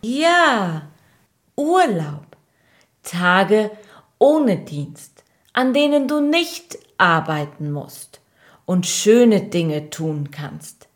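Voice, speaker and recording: Woman as kind doctor and farmer, very slow, gentle, children's story. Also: mid-range voice, very animated. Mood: caring. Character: farmer and doctor, kindly adults.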